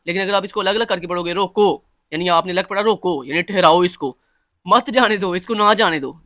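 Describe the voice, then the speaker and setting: Pakistani male lecturer, high bright voice, repetitive friendly explaining. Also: dry recording, clean studio sound. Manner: repeats points, addresses listeners as friends.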